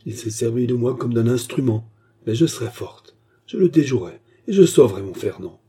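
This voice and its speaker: A man's voice: medium pitch, animated, normal speed, dark tone, breathy edge. A man voicing a proud, cunning young female courtesan, reading her lines in a raised, emotional voice that turns caressing and mocking. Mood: determined.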